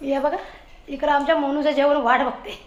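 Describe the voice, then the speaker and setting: A woman's voice: high voice, little pitch movement, brisk, highs cut off. A woman hosting a casual home vlog, chatting to her viewers as a group and talking with her family as she goes. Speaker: vlog host.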